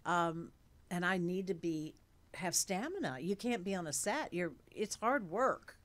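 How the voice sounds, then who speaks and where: This actress, in her late sixties, has a voice on the low side that is expressive and measured in pace. As an interview guest she chats animatedly and casually, with lots of fillers, into a studio mic on a stand in a room of dark curtains and blue lights.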